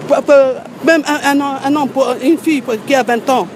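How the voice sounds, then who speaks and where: A woman's voice: high-pitched, steady tone, moderate pace. A woman answering a street interview in an emphatic, insistent manner. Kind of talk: street vox pop answer. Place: busy city sidewalk outdoors. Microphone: handheld phone held by interviewer. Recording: street noise, mic at a distance.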